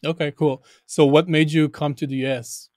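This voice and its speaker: A man's voice: fairly high pitch, flat delivery, moderate pace, darkish tone, no echo, studio quality. A man from Israel hosting a casual interview, friendly and enthusiastic, laughing along with his guest. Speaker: interviewer host.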